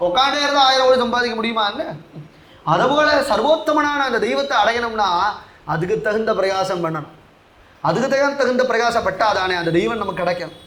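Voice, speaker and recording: A man with a very high voice gives an animated devotional discourse. He asks many rhetorical questions and slows down to chant Sanskrit verses. His voice carries a roomy echo. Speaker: religious discourse speaker.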